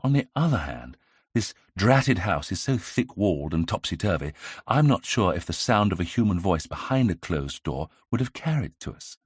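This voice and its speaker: A man voicing a young 1920s gentleman amateur detective in an audiobook, brisk and self-assured as he theorizes. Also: sits low, sing-song, husky, no echo, clean studio sound, heavily acted. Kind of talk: audiobook character reading.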